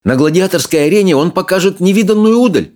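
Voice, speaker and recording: A man's voice: sits high, expressive, quick pace, darkish tone, voice pushed up. A man voicing an earnest, polite boy hero. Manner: earnest, pleading.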